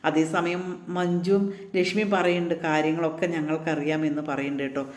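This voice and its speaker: A man with a fairly high voice recaps a TV serial's latest episode in casual talk. He keeps an even, flat delivery and keeps throwing in little tag words for the listener. The recording sounds echoey, as if made in a bare room. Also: fast. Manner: retells scenes in a flat, even flow, tagging lines with "kēṭṭō".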